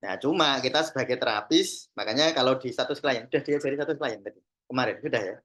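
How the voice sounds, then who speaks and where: A man's voice: mid-range voice, fast talker, a bit bright. A man with a Javanese accent giving an informal teaching talk to a class, speaking in a conversational way and acting out little example dialogues. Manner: conversational, mixes in Javanese phrases, acts out examples. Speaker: Sufi teacher and therapist trainer.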